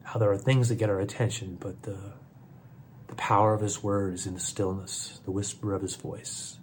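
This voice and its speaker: A man preaching a sermon. He swings from forceful emphasis to a soft, almost whispered hush, and he repeats his phrases. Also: on the low side, little pitch movement, normal speed, a little hiss or hum. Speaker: pastor.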